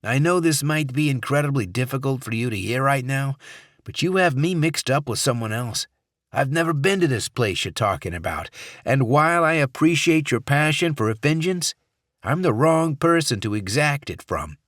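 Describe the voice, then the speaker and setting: A man lightly acts the part of a desperate senator held hostage in an audiobook, sounding strained, defiant and pleading. His mid-range voice is pitched above his natural one, fairly bright, with lively intonation and normal speed. The recording is clean studio sound with no room noise.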